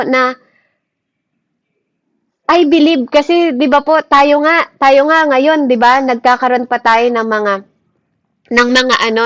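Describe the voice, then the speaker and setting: A high-pitched Filipino woman leads a morning Bible devotion in an earnest, fervent way, checking in with "Amen?" after nearly every point. The recording is a little dull and muffled, with a dry sound and no room echo. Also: a bit bright. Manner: earnest, fervent preaching with many restarts. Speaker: devotion leader.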